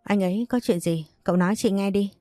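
A woman's voice: medium pitch, brisk, mellow, no room sound, studio quality, soft background music, natural voice. Woman voicing a weary heartbroken wife. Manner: tired, subdued replies.

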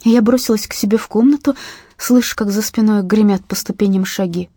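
A woman narrating a novel in the first person, expressive and sometimes dropping to a whisper. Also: medium pitch, fairly quick, breathy edge, no room sound, studio quality. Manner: expressive, drops to a whisper in tense moments. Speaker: audiobook narrator.

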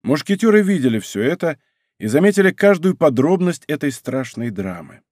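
A man reading an adventure novel aloud in measured, dramatic scripted narration. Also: a little high, a little mellow, no room sound, clean studio sound. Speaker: audiobook narrator.

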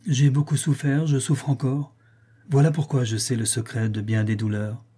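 A man's voice: medium pitch, level tone, moderate pace, dark tone, husky, natural voice. A man voicing a grieving, melancholy prince in an audiobook reading, speaking solemnly and sorrowfully. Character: grieving middle-aged prince, noble and melancholy.

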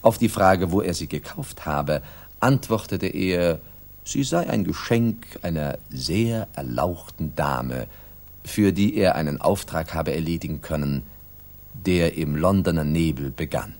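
An actor in a German radio drama playing a composed doctor who narrates his friend's case in measured, literary style. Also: sits low, animated, darkish tone, exaggerated voice. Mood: composed, reflective.

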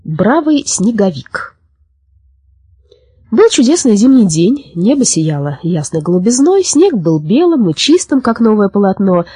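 Breathy woman reading a children's story. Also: medium pitch, measured pace, no echo. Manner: expressive storytelling. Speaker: audiobook narrator. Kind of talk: children's audiobook narration.

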